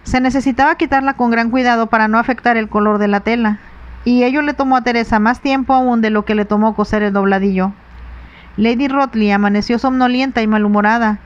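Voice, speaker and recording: Soft-voiced woman, whispered role-play narration. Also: a little high, fairly even intonation, brisk, lo-fi sound. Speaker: audiobook reader.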